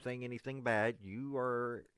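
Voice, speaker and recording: In a dry, studio-quality recording, a Southern-accented man in his fifties from East Tennessee, a political commentator, talks directly to camera to a politician, folksy, meandering, and earnest. His mid-range voice is smooth and fairly bright, with fairly even intonation and an unhurried pace.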